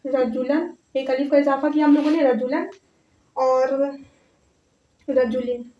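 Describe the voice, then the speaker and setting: High-voiced woman teaching in an echoey room. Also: level tone, normal speed, mellow. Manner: patient, repeats words and checks in often. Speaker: Arabic grammar teacher. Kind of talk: step-by-step classroom lesson. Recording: echoey, distant, slightly dull audio.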